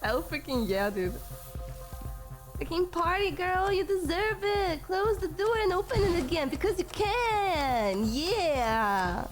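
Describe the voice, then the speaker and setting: A woman streamer chatting playfully through a game, often slipping into a sing-song delivery. Her voice sits high, with faint music underneath. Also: big pitch swings, slow pace. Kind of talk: casual gameplay commentary.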